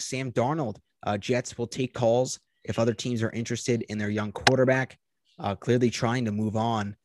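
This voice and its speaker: A man's voice: on the low side, dry recording. A man hosting a sports talk show, running through news items and steering the talk. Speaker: host.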